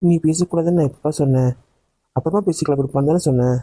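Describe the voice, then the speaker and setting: A performer voicing a mild father in a cartoon family drama, coaxing the others to calm down. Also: medium pitch, rapid-fire, dry recording, natural voice. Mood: placating.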